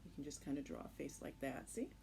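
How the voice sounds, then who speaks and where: On a clearly noisy home recording, a woman teaches a children's craft one step at a time, sounding informal and reassuring. Her voice is low and dark in tone, and she talks fast with plenty of animation.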